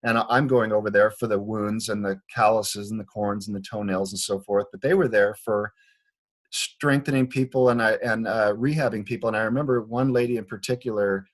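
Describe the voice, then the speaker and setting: Earnest and conversational, this Liberian foot doctor lays out his perspective during an interview at a Portland, Oregon clinic, with many restarts along the way. His voice is on the low side and steady, and his pace is brisk.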